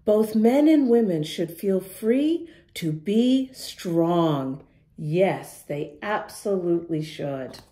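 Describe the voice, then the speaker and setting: A woman with a fairly low, expressive voice and a dark tone reads a picture book aloud to young children at a slow pace. As a storytime reader and host, she is encouraging and emphatic, speaking to the kids directly and asking them questions.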